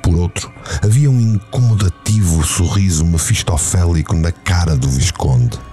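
A man narrating a novel as an audio drama, telling it in a measured, dramatic way. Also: low-pitched, music in the background.

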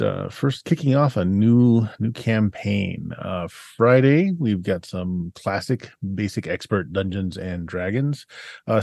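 A man plugging his stream schedule in a brisk, matter-of-fact way. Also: mid-range voice, warm tone, no room sound. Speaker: player and streamer.

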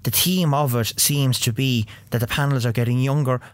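A man's voice: mid-range voice, steady tone, normal speed, no echo. A man with an Irish accent hosting a sports discussion. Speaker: sports show host.

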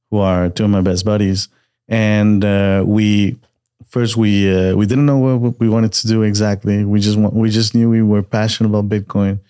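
A low-voiced man from Peru, raised in Montreal, talks through his background as a guest in a car. His telling is steady but full of small hesitations and restarts. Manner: steady storytelling with frequent hesitations. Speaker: podcast guest, entrepreneur. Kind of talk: casual chat.

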